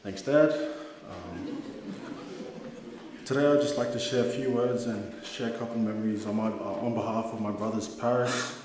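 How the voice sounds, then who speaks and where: A man's voice: lowish voice, moderate pace. Young man speaking in a very echoey hall. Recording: very echoey hall with background noise.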